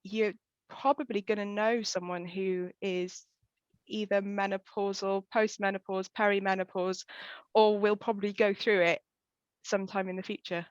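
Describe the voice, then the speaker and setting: A woman's voice: medium pitch, little pitch movement, moderate pace, smooth, no echo. Woman, welsh accent, chatty, lots of ums, dry dull lo-fi audio. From West Wales. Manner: chatty, frequent fillers, quoting herself. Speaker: pelvic health physiotherapist guest. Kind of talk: casual interview chat.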